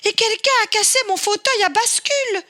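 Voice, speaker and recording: A woman voicing a weepy little baby bear cub in a children's storybook reading, in a high, whiny, tearful voice. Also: normal speed, bright, forceful tone.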